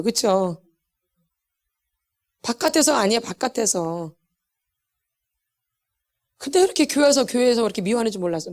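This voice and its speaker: A middle-aged woman teaching a church healing class, with an animated, emphatic delivery that repeats words for stress and laughs between lines. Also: a little high. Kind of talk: church lecture.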